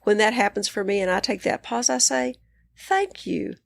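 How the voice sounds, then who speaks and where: A middle-aged woman with a West Texas twang and a creaky, fry-edged voice, recorded close and dry. She talks in an earnest, encouraging interview style, leaning on key words for emphasis. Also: mid-range voice, fairly even intonation, a little fast, no room sound. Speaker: psychiatrist and coach interviewed as guest. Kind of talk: conversational interview.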